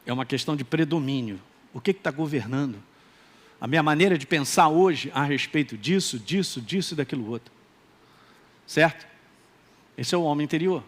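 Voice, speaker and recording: A male pastor with a Minas Gerais accent preaching a lively sermon and acting out quoted voices. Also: a little high. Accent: Minas Gerais Brazilian Portuguese. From Minas Gerais, Brazil. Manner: animated, acts out quoted voices, calls for responses.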